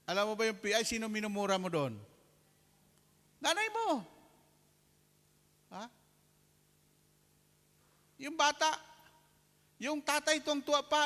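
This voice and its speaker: A man preaching a sermon with a notably high voice. He keeps checking in with the crowd and acts out his stories with lively asides. The sound hangs in a long, ringing hall reverb. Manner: animated preaching with call-and-response asides and acted-out anecdotes. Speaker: lay preacher.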